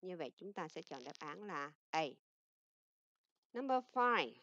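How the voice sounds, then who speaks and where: A woman English teacher with a Vietnamese accent giving a recorded lesson, explaining in Vietnamese and reading English example sentences slowly and carefully. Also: fairly low pitch, big pitch swings, a bit bright, no echo. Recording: dull lo-fi dry recording.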